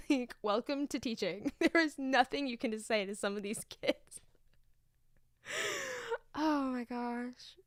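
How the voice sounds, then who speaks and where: A woman's voice: sits high, big pitch swings, takes it slowly, no echo, studio quality. A young woman, a student teacher streaming, telling funny classroom stories in casual chat with lots of fillers and laughter. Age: young adult. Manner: chatty storyteller, laughing often, lots of fillers.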